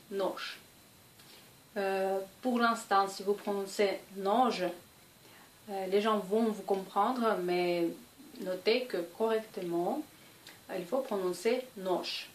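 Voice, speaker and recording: A woman's voice: mid-range voice, far from the mic, slight background noise. A woman from Russia with a Russian accent, teaching a language lesson patiently and drawing out example sounds. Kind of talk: explanatory lesson. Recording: echoey room, voice off-mic, faint ambience.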